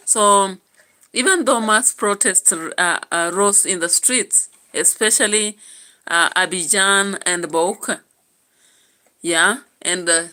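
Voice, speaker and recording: A woman's voice: lowish voice, bright, forceful tone. A Kenyan woman hosting a YouTube channel, giving chatty political commentary and musing aloud with frequent fillers. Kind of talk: casual political commentary vlog.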